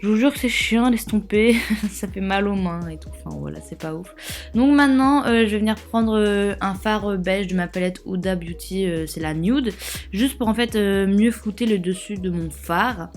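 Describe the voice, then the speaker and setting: A woman's voice: medium pitch, moderate pace, a little mellow, soft background music. A young woman casually narrating a makeup tutorial, rambling with lots of fillers and joking asides. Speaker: beauty vlogger.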